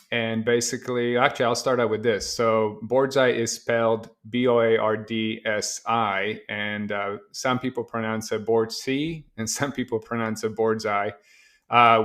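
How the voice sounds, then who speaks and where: A middle-aged man from Poland, a company founder answering interview questions in a relaxed, hesitant way with many fillers. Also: lowish voice. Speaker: guest, tech company founder. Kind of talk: casual interview conversation.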